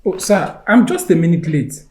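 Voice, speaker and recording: A man's voice: high voice, expressive, moderate pace, darkish tone. A Nigerian man playing a desperate job seeker in a comedy skit, pleading and repeating himself.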